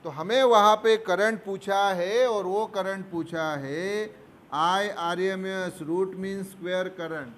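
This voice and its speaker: Slow-talking, high-voiced male physics teacher. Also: a bit bright. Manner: patient, addresses students fondly, answers his own questions. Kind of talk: board lesson. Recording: faint background noise.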